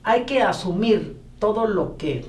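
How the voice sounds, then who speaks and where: A woman moderating a political panel discussion in a measured, steering way. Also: medium pitch, animated, darkish tone. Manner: measured, steering the talk, frequent backchannel. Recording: roomy echo, a bit far from the mic.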